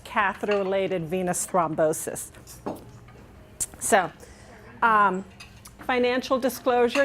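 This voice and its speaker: A middle-aged Englishwoman with no trace of an accent gives a nurse education talk as a conference presentation in a dining room with large windows. She is upbeat and chatty, often asking the audience to agree, in a medium-pitched voice with a little hiss or hum behind it.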